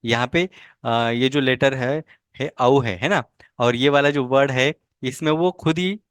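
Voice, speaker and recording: A man's voice: mid-range voice, unhurried, a bit bright, clear, resonant tone, no room sound. A man teaching an online language lesson, patiently explaining and repeating each word several times for learners to copy.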